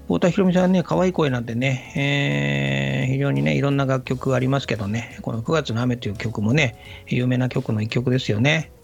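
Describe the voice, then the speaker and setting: Give me a man with a gravelly voice, chatting politely as a radio host over faint music. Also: medium pitch. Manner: polite, unhurried, many fillers and 'ne' tags. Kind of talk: casual radio talk. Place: radio studio.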